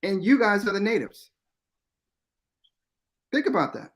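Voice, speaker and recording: A man's voice: sits high, big pitch swings, a little slow. A man in his fifties, a guest on a radio talk show, explaining his views earnestly and repeating key points for emphasis. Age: 50s.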